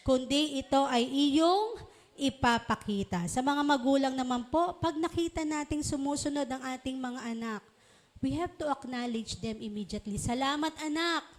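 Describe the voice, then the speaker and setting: A woman's voice: sits high, moderate pace, a little mellow. A woman teaching a congregation of children and parents in a sermon, coaxing them along with questions and frequent check-ins. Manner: acts out parents and children in short voices. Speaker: church teacher.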